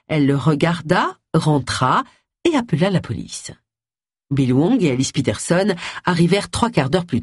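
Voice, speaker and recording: An audiobook reader giving expressive scripted narration close to the mic. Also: medium pitch, husky, no echo. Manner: expressive storytelling.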